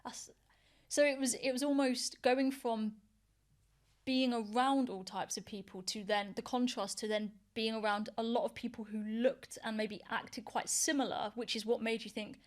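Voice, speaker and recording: Woman host asking questions, slightly higher voice, attentive and encouraging. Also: fairly even intonation, normal speed. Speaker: podcast host. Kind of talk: casual conversational interview.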